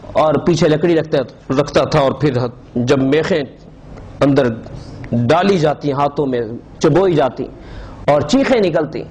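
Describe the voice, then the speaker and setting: Man, preacher, emotional sermon storytelling, repeated exclamations, slightly high voice. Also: a little mellow, slight background noise, low-quality recording.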